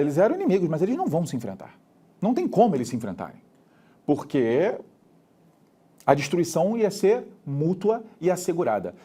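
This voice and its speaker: A young Brazilian man teaching a lively history lesson, acting out characters in quick street talk. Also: a little high. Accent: Brazilian Portuguese.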